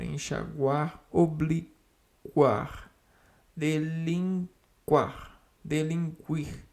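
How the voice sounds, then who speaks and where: A man with a gravelly, creaky voice works through grammar rules at a very slow pace. He halts often and repeats single words to himself as he reads and explains. The tone is that of solitary study. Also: fairly high pitch, a little mellow. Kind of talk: reading and explaining spelling rules aloud.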